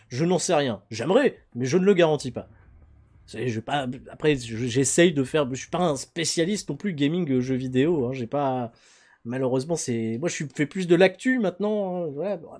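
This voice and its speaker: Chatty man streaming a game. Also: on the high side. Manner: chatty, excitable, talks to chat. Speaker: gaming streamer. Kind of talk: live gameplay commentary. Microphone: headset.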